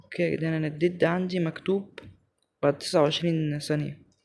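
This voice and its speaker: Fast gravelly Egyptian man gaming. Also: fairly high pitch, slight background noise. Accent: Egyptian Arabic. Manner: excitable, talks to viewers as he plays. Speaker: gaming channel host. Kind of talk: live gameplay commentary.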